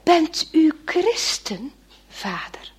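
A woman's voice: high voice, very animated, very slow, in a whisper, voice pushed up, exaggerated voice. Woman doing a timid eleven-year-old boy.

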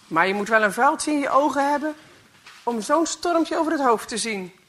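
A woman's voice: high voice, expressive, normal speed, a bit bright, voice pushed up. A woman reading a story aloud, voicing a good-humoured male radio operator who teases his grumpy colleague. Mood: teasing.

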